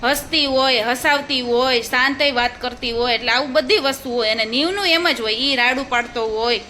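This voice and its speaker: Woman vlogger, young, high and bright, chatty and coaxing, phone mic close. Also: moderate pace, a little hiss or hum. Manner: chatty, coaxing a child along. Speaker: family vlogger. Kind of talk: casual vlog chat. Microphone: phone held close to the mouth.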